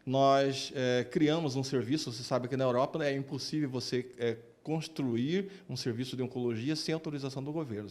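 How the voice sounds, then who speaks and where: A man with a medium-pitched, slightly mellow voice and a Brazilian Portuguese accent answers interview questions about his work. He is an oncologist and researcher, and he often repeats words while searching for the right phrasing.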